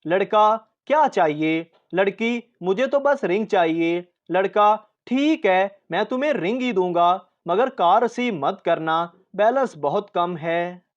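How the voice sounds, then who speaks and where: A woman reading a series of short jokes aloud in a steady storytelling way. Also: mid-range voice, unhurried, few pauses, muffled recording. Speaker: joke reader.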